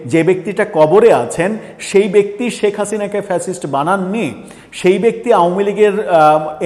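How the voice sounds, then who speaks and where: A man's voice: fairly high pitch, long reverb tail. A man giving a political commentary monologue, earnest and pressing, with frequent filler sounds and restarts.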